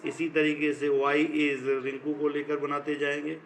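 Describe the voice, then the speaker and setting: A middle-aged man with an Indian accent, a school teacher giving an online grammar lesson in slow, dictation-like phrases, switching between English and Hindi. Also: a little high, level tone, slight background noise, low-quality recording.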